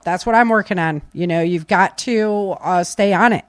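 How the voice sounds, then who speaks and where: Her voice sits on the low side and keeps a moderate pace, recorded dry at studio quality. A podcast speaker on preparedness and self-defense, she talks casually and insistently, sharing firm opinions and repeating key phrases for stress.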